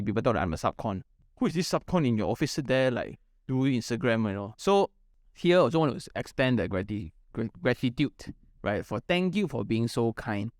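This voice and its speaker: A Malaysian man chats casually as a podcast host, in a mid-pitched voice. His English is colloquial, sprinkled with local particles and slang. The sound is dry, with very little room in it. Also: no room sound.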